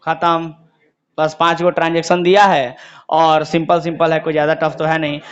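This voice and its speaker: A young man teaches a class, firing questions at his students and then answering them himself. His voice sits high for a man. The classroom recording sounds muffled and lo-fi. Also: flat delivery, normal speed, smooth. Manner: quizzing students, call and response. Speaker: accountancy teacher. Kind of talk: classroom lecture.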